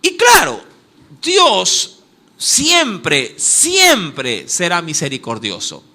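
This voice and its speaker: A man's voice: sits high, huge pitch swings, drawn-out words, sharp tone. A man with an Ecuadorian Spanish accent preaching a sermon emphatically, with repeated direct address to his listeners. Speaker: pastor.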